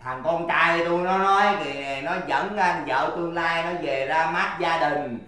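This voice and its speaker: A man's voice: fairly high pitch, normal speed, sharp tone, very echoey. A man playing a cheerful, boastful older village man in a stage comedy sketch, who exclaims and protests a lot. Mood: protesting. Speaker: comedy skit actor.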